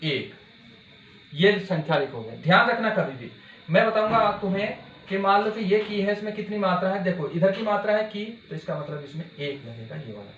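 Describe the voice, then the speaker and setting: Guy teaching grammar for exam prep, high voice, keeps asking the class questions, echoey room with dull hiss. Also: fairly bright tone. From India. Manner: repeats key words slowly and asks the class questions. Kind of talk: exam-prep Hindi grammar lesson at a board.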